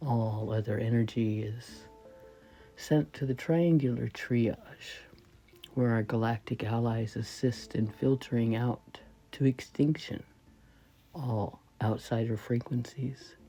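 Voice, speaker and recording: With a rumbling low voice, a woman talks through a slow guided meditation. She keeps it soft and breathy, frequently fading almost to a whisper, and delivers short, measured phrases in a reverent way.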